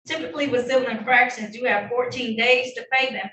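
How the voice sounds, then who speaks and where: A woman's voice: a little high, steady tone, brisk, fairly bright tone. A woman judge presiding over traffic court hearings, formal yet friendly as she reads out charges and rulings, heard in a courtroom recording. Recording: roomy, distant courtroom recording with faint noise.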